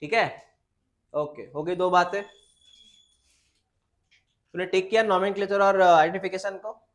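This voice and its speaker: High-pitched and lively, a biology teacher walks students through a lesson in relaxed, informal style. Questions come in quick succession, each answered by him, and "beta" is how he addresses the class. English passages from the textbook he reads in a measured, deliberate way.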